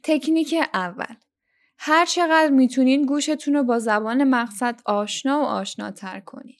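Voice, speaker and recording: Slightly high-voiced woman giving podcast lessons. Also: soft background music. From Iran. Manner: instructive, addresses listeners directly. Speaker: language-learning podcast host.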